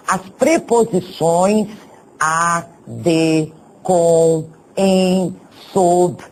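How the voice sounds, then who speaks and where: Slow, husky male teacher. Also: high voice, rough recording. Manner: deliberate, spells out examples one by one. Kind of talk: recorded grammar lesson.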